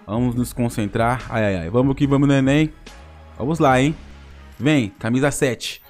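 A young man with a Brazilian accent giving excited commentary on a mobile football game, groaning and laughing at his bad luck. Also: medium pitch, moderate pace, faint music behind. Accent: Brazilian Portuguese.

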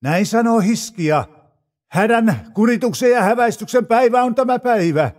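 A man's voice: very high-pitched, animated, a little mellow, in a large hall, voice pushed up. A man reading as grieved royal messengers. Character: distressed male messengers of a king.

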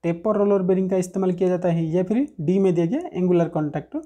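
A man working through technical exam questions in a screen-recorded lesson, reading each question slowly and then explaining the answer step by step. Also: high-pitched, warm tone, lo-fi sound. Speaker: technical teacher. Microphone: screen recording voice-over.

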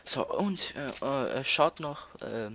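A man's voice: medium pitch, lively intonation, slow pace, vocal fry, a bit bright, slight background noise. A teenage boy from Austria, chatting while playing a game, stalling and repeating words with many fillers. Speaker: let's player. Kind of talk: casual gameplay commentary.

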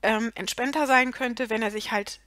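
A woman's voice: fairly high pitch, steady tone, moderate pace, fairly bright tone, dry recording. A woman giving a casual, opinionated spoken book review, frank and full of fillers.

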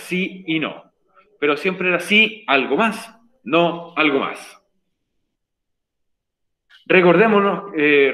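A man's voice: fairly high pitch, a bit bright. A man teaching an online English class over a video call, explaining patiently and repeating key points. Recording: roomy echo.

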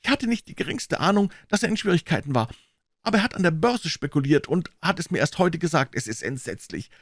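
A man reading aloud and voicing a hoarse, nervous, middle-aged bank clerk who speaks hesitantly. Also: fairly high pitch, big pitch swings, a little fast, dry recording, studio quality, pitched above the performer's own voice. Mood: anxious. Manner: anxious, hesitant.

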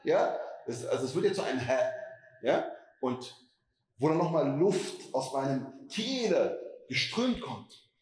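A man's voice: mid-range voice, sing-song, slow pace, echoey room, rough recording. A man giving a Quran commentary lecture as imam, asking rhetorical questions and stretching words for emphasis.

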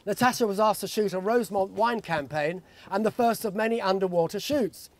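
A man's voice: high voice, a little fast, dry recording. A man in his sixties giving a jokey father of the bride speech, reading from notes into a handheld microphone. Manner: jokey storytelling. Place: outdoor garden wedding reception. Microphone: handheld microphone held close.

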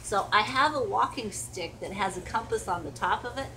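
An older woman records a casual haul vlog at home on her porch and in a carpeted room, unpacking shopping bags while rambling and cooing at her dogs. Her mid-range voice moves at a normal speed against a noisy background.

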